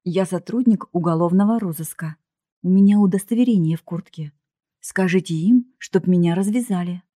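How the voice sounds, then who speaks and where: A woman's voice: fairly low pitch, moderate pace, dark tone, dry recording, studio quality, lightly acted. A woman voicing a tied-up young male detective. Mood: insistent. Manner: offended, insistent.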